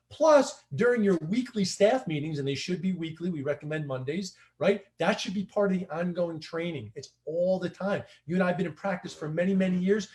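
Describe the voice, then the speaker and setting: A man's voice: sits high, a little mellow. A man coaching fellow practitioners in a casual livestream discussion, talking emphatically and repeating his key points.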